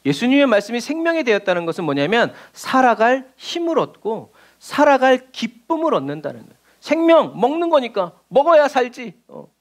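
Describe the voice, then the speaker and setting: A man's voice: very high-pitched, big pitch swings, fairly quick, hardly any pauses. A male pastor preaching a Sunday sermon, acting out quoted voices and chuckling as he talks. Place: church sanctuary.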